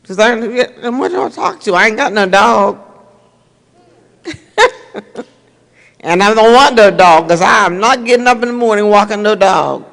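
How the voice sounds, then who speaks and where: A woman's voice: mid-range voice, a little fast, gravelly, hardly any pauses, fairly bright tone. An older woman, giving an earnest, repetitive, conversational talk to a congregation as a minister. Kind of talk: sermon-style talk to a congregation. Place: church sanctuary. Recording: reverberant church hall.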